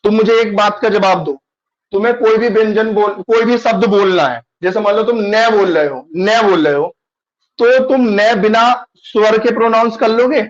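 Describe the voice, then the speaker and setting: A man's voice: sits high, moderate pace, lo-fi sound. A male teacher taking an online class, patiently explaining and repeating questions to his students.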